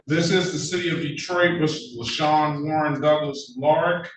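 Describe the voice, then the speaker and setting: A man presiding as judge in a courtroom recording of a video-call hearing, brisk and procedural, reading case numbers out slowly. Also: on the high side, fairly even intonation. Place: judge's meeting room. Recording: echoey room, distant mic, faint hiss.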